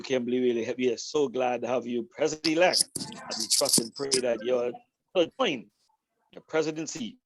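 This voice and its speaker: A man's voice: medium pitch, dry recording. A man welcoming guests to a club meeting over a video call, repeating his phrases and drawing them out. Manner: repetitive, drawn-out phrases. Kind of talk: warm welcome speech with a told joke. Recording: dull, muffled call audio.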